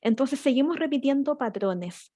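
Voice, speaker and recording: A woman's voice: sits high, animated, moderate pace, mellow, no room sound, studio quality. A woman giving an explanatory seminar talk on child development, using metaphors and rhetorical questions, and speaking to parents as a fellow parent.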